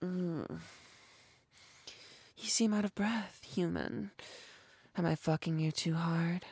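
A woman voicing a low, husky, commanding tailed creature. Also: slow pace, darkish tone, dry recording, heavily acted. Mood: sultry. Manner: sultry, commanding, often whispered. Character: dominant, teasing female creature in humanoid form with a tail. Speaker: voice actor. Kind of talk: intimate audio roleplay.

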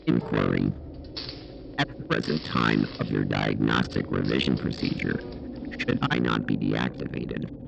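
A man voicing a newly built android that talks in an even, machine-like way, calm and literal. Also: very deep voice, measured pace, creaky, heavily acted. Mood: inquiring. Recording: muffled audio with music behind.

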